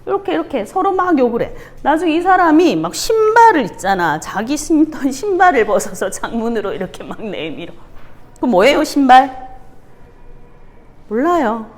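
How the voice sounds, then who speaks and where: A woman gives a children's sermon as a Sunday school teacher. Her voice sits high and leaps around expressively. She tells stories with animation and keeps firing questions at the kids. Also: moderate pace. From Gyeongsang region of South Korea. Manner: animated storytelling, quizzing the children.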